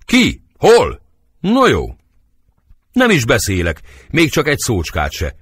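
A man's voice: mid-range voice, huge pitch swings, a bit bright, husky, no echo, studio quality, full character voice. A man voicing a hot-tempered nobleman who curses and rages in bitter outbursts, in an audiobook reading of a play. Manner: fiery outbursts, bitter growling. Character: hot-tempered cursing adult male nobleman.

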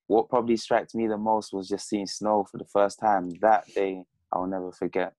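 Chatting casually in a video-call interview, a twenty-something boxer from Congo, Zambia and the UK who speaks French uses earphones in a plain room at home. His lowish, slightly mellow voice shows little pitch movement at normal speed, with no echo.

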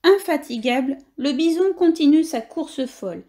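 A woman reading a children's picture book aloud in a high-pitched voice. Her storytelling is lively and expressive. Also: normal speed. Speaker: reader.

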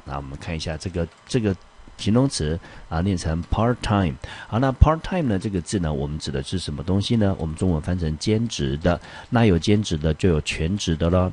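A male high school English teacher explaining vocabulary in a lesson, reading English sentences slowly and with many fillers. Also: a little mellow, slightly rough. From Taiwan.

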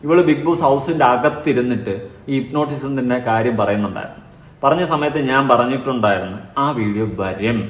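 Fast sarcastic man, echoey room. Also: mid-range voice. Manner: sarcastic, mocking, mimics crying voices. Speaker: vlogger. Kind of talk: mocking commentary vlog.

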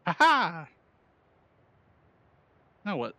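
Streamer: lively, swooping voice, giggly casual game chat, music behind. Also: mid-range voice, drawn-out words, dry recording. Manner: excited, giggly.

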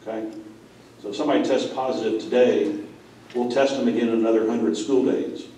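Here the same school president, a middle-aged man, speaks at medium pitch with a warm tone, a touch fast and fairly even. He addresses a seated conference audience plainly, weaving stories and asides. The echoey room is captured from far off on a room mic, with slight hiss or hum.

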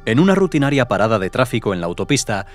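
A man's voice: medium pitch, big pitch swings, quick pace. A man reading scripted countdown narration in dramatic, florid language. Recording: voice-over under loud music.

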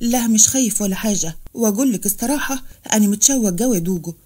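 A woman voicing a caring, gentle village mayor with an Egyptian accent, reading in a storybook tone. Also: high-pitched, very fast. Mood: tender. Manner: tender, reassuring.

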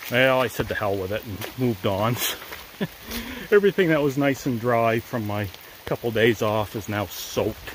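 A man's voice: medium pitch, lively intonation, a little slow, a little hiss or hum, poor audio. An older man vlogging while climbing a wet mountain trail, talking in a laid-back, wry way and chuckling to himself, with the camera held at arm's length. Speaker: thru-hiker vlogger. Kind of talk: casual trail vlog. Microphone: handheld camera at arm's length.

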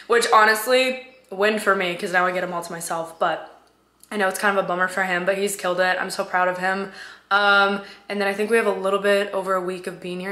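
Bright young woman vlogger with cracking voice. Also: lowish voice. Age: 20s. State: sick with sore throat. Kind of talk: casual chat to camera. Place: living room at home. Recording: roomy indoor echo.

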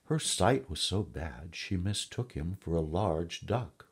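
A man reading a fairy tale aloud in a gentle, measured storybook style. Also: low voice, animated, slightly rough.

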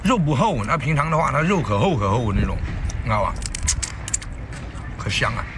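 A man's voice: medium pitch, expressive, brisk, background noise. A man hosting a livestream eating show, chatting with his mouth full of rice and urging viewers to double-tap. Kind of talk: casual livestream commentary while eating. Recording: loud music behind the voice.

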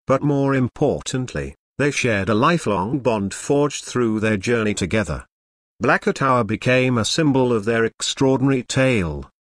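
Male storyteller, mid-pitched, dry close sound, even and measured reading. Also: no room sound. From England, Lancashire. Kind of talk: scripted story narration.

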